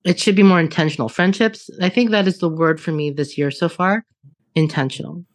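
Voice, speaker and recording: A woman's voice: on the low side, fairly quick, no room sound. Frank, swearing woman nearing forty. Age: 30s. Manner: swears freely, laughs often, talks in restarts. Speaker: podcast guest. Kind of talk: casual chat.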